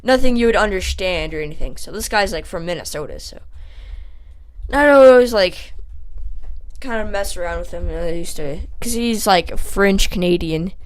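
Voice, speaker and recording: A woman's voice: on the low side, lively intonation, normal speed. A young woman telling a rambling, self-mocking story for a casual vlog, full of fillers, with a sore throat. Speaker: vlogger.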